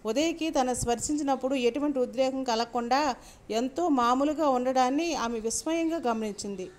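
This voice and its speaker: High-voiced woman storyteller. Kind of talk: reading a serialized novel aloud.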